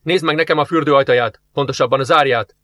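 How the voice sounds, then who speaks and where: Man doing a brisk deputy commander giving orders, short commanding lines, dry close sound. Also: medium pitch, bright, forceful tone, no room sound, close to an everyday voice. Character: eager male deputy commander investigating a murder.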